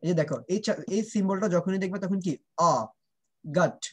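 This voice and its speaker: Speaking briskly in a high register, a man runs an online pronunciation class for children. He goes over sounds in drills and keeps asking if they understand, alternating Bengali and English.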